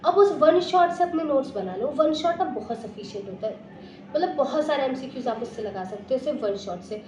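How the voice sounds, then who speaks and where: A woman's voice: high-pitched, animated, brisk, darkish tone. A young woman giving exam preparation advice in a casual, earnest way, often slipping English phrases into her talk. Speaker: exam prep guide. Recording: echoey room with faint ambient noise.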